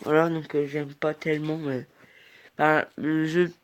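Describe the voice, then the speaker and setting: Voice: medium pitch, little pitch movement, measured pace. A mobile game player giving casual gameplay commentary, rambling and hesitant, reacting aloud as the game goes on.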